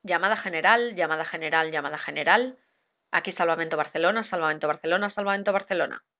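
A woman's voice: fairly low pitch, quick pace, no room sound. A woman instructor reciting formal marine radio calls in set procedure wording. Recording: dull lo-fi recording.

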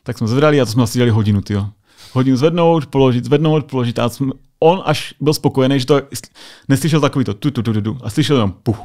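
A man's voice: medium pitch, a little mellow. A Czech man, a US Air Force sergeant, telling anecdotes in a casual interview, full of filler tags. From Czech Republic.

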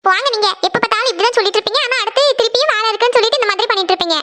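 A woman's voice: very high-pitched, very fast, pushed and bright. A woman voicing a young wife in a cartoon who scolds her husband for coming home late. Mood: reproachful. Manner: nagging, scolding. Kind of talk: cartoon voice acting.

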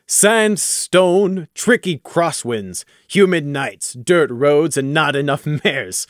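A man's voice: fairly high pitch, expressive, slow, dry recording, clean studio sound, voice pushed up. A man voicing a jovial, boastful male pegasus guard. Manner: jokey, boastful.

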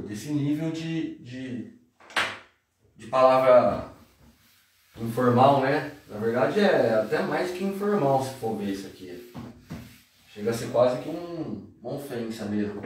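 A man's voice: medium pitch, darkish tone. Casual guy teaching japanese on a live stream, jokey and slangy, sounds far off in a big echoey room. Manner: chatty, slangy, jokey explanations. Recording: very echoey room, distant mic.

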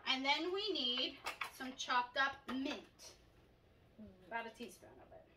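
Chatty and upbeat, this thirtysomething woman guides viewers through each step of a relaxed home cooking show. She speaks high and animated but unhurried, over a noisy background. The recording comes from a camera across the kitchen counter, distant and echoey.

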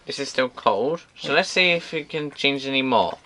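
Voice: mid-range voice, expressive, moderate pace, bright, forceful tone. A co-host at an indoor table during a toy unboxing, defensive and teasing back. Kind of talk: casual unboxing chat. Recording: noisy home camera recording.

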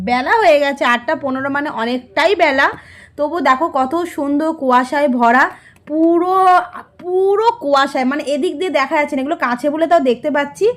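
A middle-aged woman, narrating a casual vlog in a relaxed, musing way. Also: high-pitched. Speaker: vlogger.

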